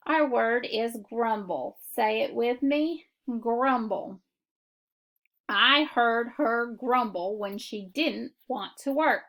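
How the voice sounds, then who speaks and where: A woman teaching a phonics lesson, walking through syllable marking step by step in a deliberate classroom manner. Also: fairly high pitch, creaky, a bit bright. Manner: slow, deliberate classroom instruction. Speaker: reading teacher.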